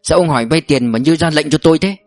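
A man's voice: fairly high pitch, fast talker, dry recording, clean studio sound, faint music behind, pitched above the performer's own voice, natural voice. A man reading an audiobook voices a worried bank employee who speaks curtly and warily. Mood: wary. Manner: curt, wary. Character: male bank employee, tense and guarded.

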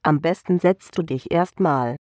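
A man's voice: a little high, measured pace, a little mellow, no echo, lightly acted. A man voicing a woman who urgently coaxes a friend into helping with a scheme. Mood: coaxing. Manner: urgent, coaxing. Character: pleading woman plotting a scheme.

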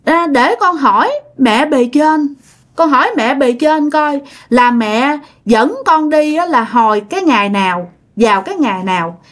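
A woman's voice: high voice, expressive, a little slow, a bit bright. A woman voicing a sulky, sobbing toddler spirit speaking through a medium, whiny and childlike. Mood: pleading.

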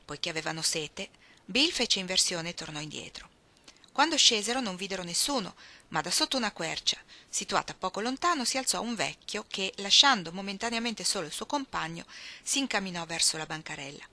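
A woman reading a novel aloud as scripted narration, clear and expressive. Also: medium pitch, brisk. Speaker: audiobook reader.

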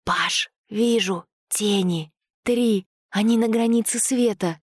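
A woman's voice: high-pitched, steady tone, fairly quick, no echo, studio quality, pitched above the performer's own voice, lightly acted. A woman voicing a frightened young female investigator who cries out in panic. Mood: panicked.

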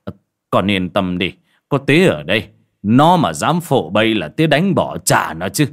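A man's voice: on the low side, sing-song, moderate pace. A man voicing an anxious old village father, stammering and fussing protectively. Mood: reassuring. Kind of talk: audiobook character voice.

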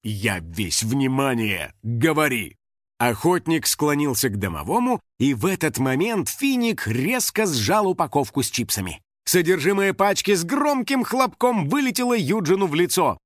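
A man narrating a children's story in a lively, expressive storytelling voice. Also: high-pitched, moderate pace, few pauses, no echo, clean studio sound.

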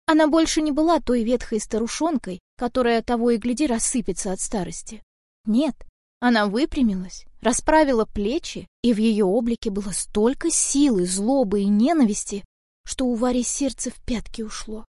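A woman with a fairly high voice reads a fairy-tale audiobook, expressive and lively in her storytelling. The recording is close and bone dry. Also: moderate pace, no echo. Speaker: narrator. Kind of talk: audiobook narration.

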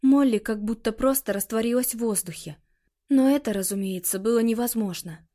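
A woman's voice: a little high, brisk, warm tone. Woman narrating an audiobook.

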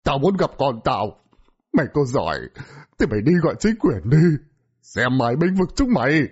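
A man voicing a desperate, drunken old father who wails and shouts for his daughter. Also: mid-range voice, big pitch swings, moderate pace, breathy edge, muffled recording, voice pushed up. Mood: furious. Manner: wailing, shouting.

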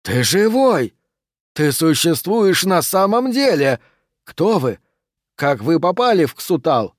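A man voicing a dreamy, lovesick stranger from a dead city in an audiobook, with slow, drawn-out, theatrical phrasing. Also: fairly high pitch, dry recording, studio quality, voice pushed up, natural voice. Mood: amazed. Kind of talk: audiobook character voice.

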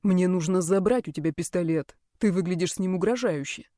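A woman voicing a calm, protective young man who speaks softly and teases playfully in an audiobook. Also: moderate pace, no echo, studio quality, close to an everyday voice. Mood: teasing. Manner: soft, low-key, playful. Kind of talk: audiobook character voice.

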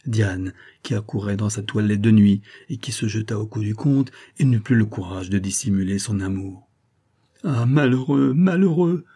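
Man narrating a classic novel as an audiobook, dark, husky voice, steady and measured. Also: lowish voice.

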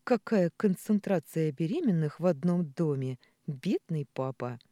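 A cheeky young pregnant woman, voiced by an audiobook reader, chatty and teasing. Her voice swings up and down a lot, with a mellow tone. The sound is close and dry. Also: medium pitch, expressive, measured pace, no echo, natural voice. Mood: playful.

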